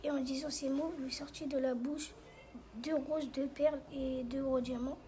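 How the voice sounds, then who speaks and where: A woman narrating a fairy tale aloud in a steady storytelling manner. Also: sits high, normal speed.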